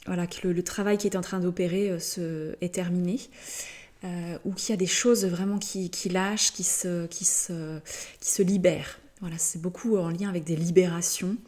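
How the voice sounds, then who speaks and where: A woman giving a slow channeled spiritual message, gentle and halting, often pausing to search for words and yawning between phrases. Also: on the low side, steady tone. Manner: hesitant, halting, many fillers and pauses; yawns often during the session.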